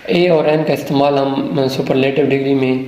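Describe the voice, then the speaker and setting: A man teaches a grammar lesson at a middle pitch. He keeps asking the viewer questions and answering them himself, and he reads example sentences slowly, word by word. The room has a noticeable echo. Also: steady tone, dark tone. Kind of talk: classroom-style grammar lesson. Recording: roomy, echoey room.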